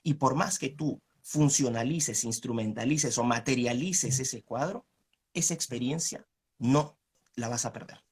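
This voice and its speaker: A man's voice: mid-range voice, unhurried, breathy edge. A man arguing his side in a live online debate over a video call, asking rhetorical questions. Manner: argumentative, asks rhetorical questions.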